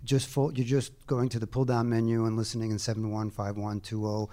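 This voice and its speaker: Man, mellow dark tone, audience member, probing follow-up questions. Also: fairly low pitch, little pitch movement, fairly quick.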